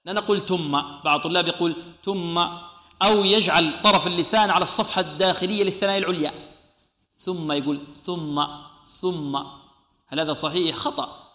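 A man gives a tajweed lesson in a bright, forceful voice pitched a little high. He poses questions and answers them himself, stretching syllables slowly to demonstrate each sound. The recording is roomy, with a long echo tail. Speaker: Quran recitation teacher. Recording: echoey room with long reverb.

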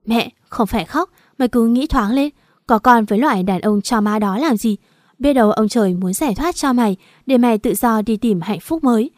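A woman's voice: fairly high pitch, brisk, no room sound, clean studio sound, natural voice. A woman voicing a blunt, protective young female friend who scolds and urges in an audiobook. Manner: frank, scolding, urging. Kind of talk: audiobook character voice.

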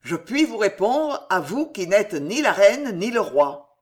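Reader doing a firm cool nobleman, loud warning tone. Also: medium pitch, sing-song, a little slow. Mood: coldly defiant. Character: calm, defiant young nobleman.

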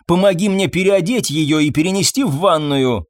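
A man voicing a sharp-tongued, impatient middle-aged woman who scolds and snaps, in a lifted voice. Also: on the high side, moderate pace, dry recording, clean studio sound, voice pushed up, lightly acted. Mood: scolding.

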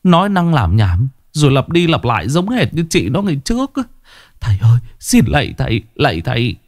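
A man's voice: fairly low pitch, very animated, takes it slowly, warm tone, dry recording, studio quality. A man voicing a terrified wealthy middle-aged man who stammers and pleads on the edge of tears in a spoken ghost story. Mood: panicked pleading.

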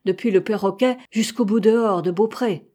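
A disgruntled sailor mocks his orders in a raised, sarcastic voice, as a woman narrator puts him on. The tone stays mellow and a touch husky. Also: medium pitch, normal speed, natural voice.

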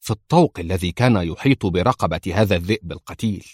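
Cold, clipped male officer, as a narrator plays him, low and commanding, audiobook. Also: fast talker, darkish tone, breathy edge, no room sound, studio quality. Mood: calm.

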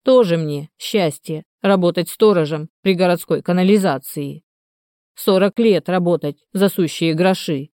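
A woman voicing a hoarse, half-drunk old male canal watchman who grumbles slowly and muses aloud. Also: on the low side, mellow, no echo, studio quality, close to an everyday voice. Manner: grumbling, slow and musing.

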